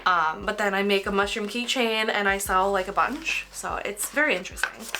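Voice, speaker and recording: Packing orders while music plays, a young woman who vlogs about crafts rambles casually and uses "like" a lot. She's tired from a cold, and her slightly nasal, mid-range voice moves at a normal speed.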